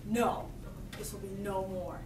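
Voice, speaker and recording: A young woman playing a gloating male supervillain with slow, theatrical menace in an amateur play. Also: medium pitch, fairly even intonation, natural voice. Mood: menacing. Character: gloating male supervillain feeding on fears of the past. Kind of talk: amateur school play acting. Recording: echoey, noisy room, distant mic.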